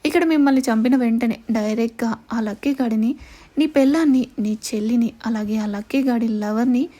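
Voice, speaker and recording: A woman puts on a cold, gloating male gang boss who threatens with calm menace. The voice sits a little high and sounds mellow rather than harsh, in a storybook-style drama reading. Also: a little fast, lightly acted. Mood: menacing. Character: vengeful middle-aged male villain gang boss.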